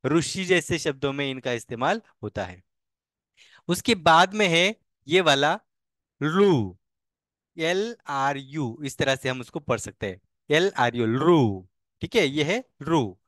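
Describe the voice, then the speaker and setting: A man's voice: on the high side, expressive, slow, fairly bright tone, dry recording, studio quality. A man teaching a beginner language class, patiently repeating each vowel sound and key point. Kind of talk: online language lesson.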